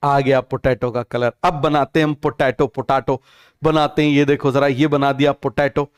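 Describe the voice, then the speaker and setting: A young man's mid-range voice carries this online biology lesson, flat in delivery, normal in speed, and clean. His Hindi is sprinkled with English terms, which he repeats several times, and he answers the questions he keeps asking.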